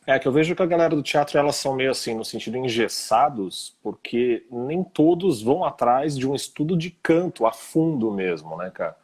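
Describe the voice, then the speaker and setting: A man's voice: mid-range voice, lively intonation, normal speed, hardly any pauses, a little mellow, breathy edge. A man who teaches singing, hosting a live stream and chatting informally with lots of slang fillers over a video call. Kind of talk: casual chat.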